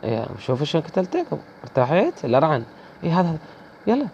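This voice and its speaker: A man's voice: a little high, wildly swooping pitch, very fast, darkish tone, muffled recording, a little hiss or hum. A man with an Iraqi accent commenting live on his gameplay, teasing opponents and chatting to viewers. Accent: Iraqi Arabic. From Iraq. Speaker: gaming video host.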